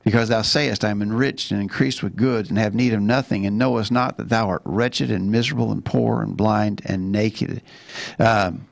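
Male bible study host, gravelly tone, earnest, dry close sound. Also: fairly low pitch, steady tone, no room sound. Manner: earnest, reads scripture aloud with halting restarts. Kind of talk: casual Bible study talk.

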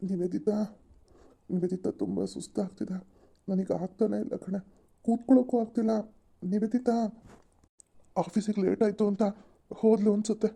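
A woman's voice: mid-range voice, fairly even intonation, moderate pace, vocal fry, long pauses, warm tone, husky. A woman voicing a moody, self-pitying young husband in a cartoon. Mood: feeble. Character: young married man, moody office worker.

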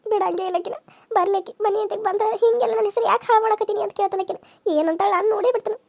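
A woman's voice: extremely high pitch, steady tone, racing, gravelly, darkish tone, dry recording, studio quality. A woman voicing a young widowed village mother who pleads and sobs as she complains, with a North Karnataka accent. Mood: hurt. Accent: North Karnataka Kannada. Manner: tearful, pleading, sobbing complaint. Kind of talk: cartoon serial dialogue.

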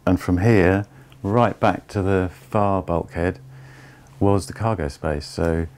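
A man in his fifties giving a measured, step-by-step tour of an old barge's wooden hold. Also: deep voice, steady tone, a little mellow. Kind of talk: explanatory walking tour.

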